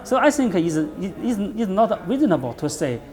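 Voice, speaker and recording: Higher-voiced man with a Chinese accent. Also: sing-song, a little mellow. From China. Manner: halting, emphatic, repeats words for stress. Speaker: professor, interviewee. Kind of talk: interview, analytical commentary.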